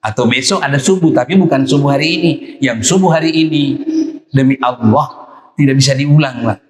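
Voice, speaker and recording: A man of middle pitch gives a dawn sermon in a mosque, pressing his points by repeating short phrases. His voice rings through a large, echoey hall with a long reverb tail. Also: fairly quick. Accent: Indonesian. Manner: emphatic, repeats phrases, acts out quoted voices. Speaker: preacher.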